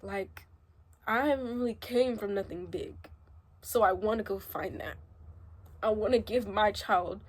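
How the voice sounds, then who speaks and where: A young woman crying as she speaks a halting, emotional confessional vlog, her voice rising and breaking as she gets upset. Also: medium pitch. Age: young adult. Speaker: vlogger.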